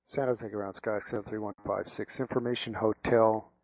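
A man working as a pilot, reading back clearances in procedural radio phrasing. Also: on the low side, fairly even intonation, normal speed. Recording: dull, dry radio audio.

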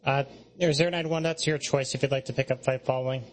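Flat-toned male air traffic controller. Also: mid-range voice, quick pace. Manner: clipped procedural phrasing.

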